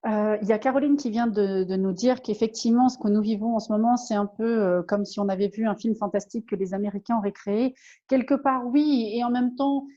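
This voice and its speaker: A woman co-hosting a casual live discussion, talking in a hesitant way with many fillers and slowing down to reflect. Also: on the high side, fairly even intonation, warm tone. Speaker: co-host. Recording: dull lo-fi stream audio.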